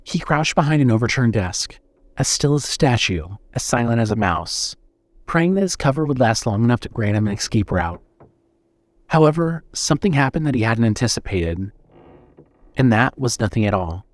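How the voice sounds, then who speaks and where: A man narrating a horror story in a steady, suspenseful reading style. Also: medium pitch, normal speed, no echo.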